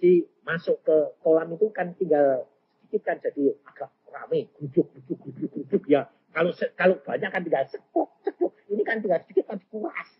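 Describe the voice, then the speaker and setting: An older man with a Javanese accent preaching a storytelling sermon, acting out dialogue and swinging from loud exclamations to soft asides. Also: a little high, sing-song, brisk, slightly rough. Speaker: evangelist preacher. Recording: dull lo-fi sermon recording.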